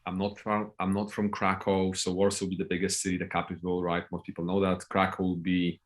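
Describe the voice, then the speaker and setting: Speaking fairly quickly in a low, completely flat voice, this podcast guest, a Polish-accented man in his thirties from Poland, tells casual stories in an interview. He's blunt, swears, and ends phrases with "right?"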